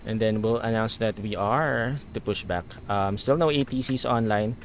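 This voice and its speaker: A man's voice: on the low side, normal speed, a little hiss or hum. A man with a Filipino accent, chatting casually as a livestreamer while running through virtual pilot procedures. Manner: chatty, switches between procedures and viewers. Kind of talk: casual flight simulator stream chat.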